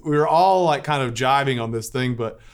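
Priest, man, informal church talk, chatty storytelling, mid-pitched voice. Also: fairly quick, clean tone. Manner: relaxed storytelling with filler words.

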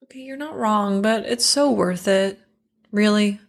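A woman's voice: mid-range voice, a little slow. Earnest, playful woman podcast co-host. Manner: earnest, playful, asks many questions. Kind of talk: casual comedic chat.

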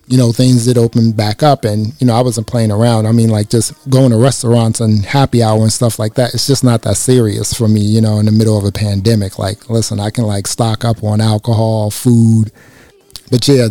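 This gear reviewer has a slightly raspy, mid-range voice and talks casually to camera about a microphone, relaxed and chatty with lots of "you know" fillers. He speaks close into a dynamic mic routed through a processor, and the recording is dry.

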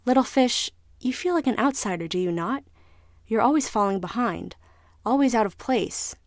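A woman's voice: a little high, animated, normal speed, no echo, clean studio sound. Woman voicing a mysterious luring light.

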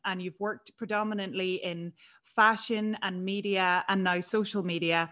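A woman's voice: mid-range voice, steady tone, moderate pace, bright, forceful tone. A woman around thirty with an Irish accent, speaking as the host of an interview podcast. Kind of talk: scripted introduction, then casual interview.

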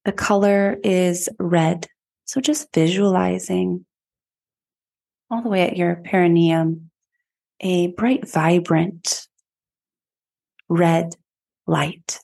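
Woman, gravelly, guided meditation, calm soothing instruction. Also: fairly low pitch, extremely slow, long pauses. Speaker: podcast host and yoga teacher.

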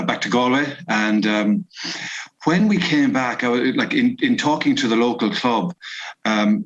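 A man's voice: mid-range voice, dull audio. A middle-aged man with a west of Ireland accent, telling his story informally in an interview. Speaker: company founder being interviewed. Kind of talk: conversational interview answers.

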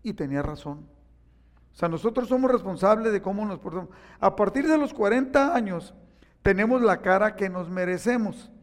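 In a reverberant hall, a man with a high voice preaches at normal speed. His sermon is animated storytelling, with the quotes acted out.

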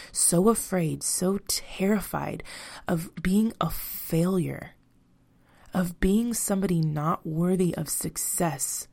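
A woman hosting her own podcast, giving a blunt, emphatic motivational monologue, swearing freely and slowing down with soft breathy asides. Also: on the low side. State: tearing up. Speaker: podcast host.

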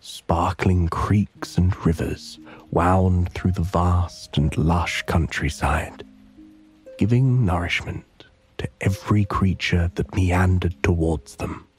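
A man with a low, mellow voice narrates a sleep story. He speaks very slowly in a hushed, breathy, soothing way, as in a guided relaxation. Soft music plays behind him.

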